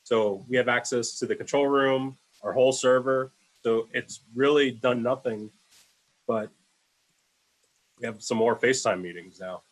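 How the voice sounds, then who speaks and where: A man's voice: medium pitch, measured pace, low-quality recording. A man, an in-house video producer, answering panel questions in a casual, rambling way with many fillers on a video call.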